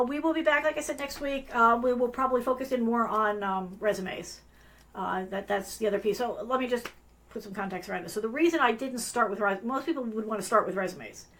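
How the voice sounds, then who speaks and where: A woman with a fairly high voice hosts a live online tutorial at her computer. She talks casually and apologizes often, trailing into fillers and restarts. Her voice is wearing thin as she is losing it. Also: a bit bright. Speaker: host of a live business analyst show.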